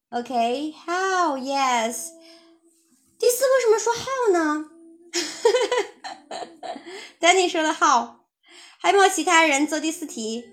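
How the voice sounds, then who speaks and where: A woman's voice: sits high, a bit bright. A woman teaching English in a live-streamed lesson, chatty and encouraging as she answers viewers' messages. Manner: chatty, encouraging, reads out chat replies with laughs.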